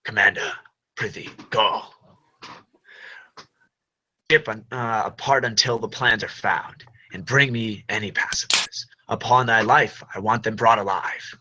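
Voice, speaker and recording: A man reading a dark armored lord in solemn Shakespearean verse, slow and declaiming, sometimes dropping to a whisper. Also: lowish voice, highs cut off, full character voice. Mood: solemn menacing. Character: dark armored male lord, menacing and brooding.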